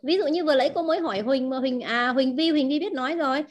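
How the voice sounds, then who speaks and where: A woman's voice: high-pitched, quick pace, dull audio. A woman teaching a language class, explaining words and asking her students questions often. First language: Vietnamese. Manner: asks the class questions, repeats key words.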